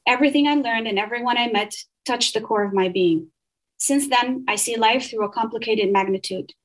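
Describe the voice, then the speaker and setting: A Saudi woman whose first language is Arabic reads poetry, then explains her research, in a somewhat high voice. She is earnest and measured, occasionally stumbling and restarting, and the audio quality is poor.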